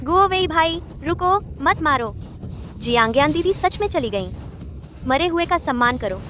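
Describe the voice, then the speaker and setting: A woman's voice: high-pitched, lively intonation, moderate pace, fairly bright tone, faint music behind. An actress playing a scheming young woman who offers false comfort and slyly coaxes a grieving man, in a dubbed drama. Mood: pleading. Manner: falsely consoling, sly.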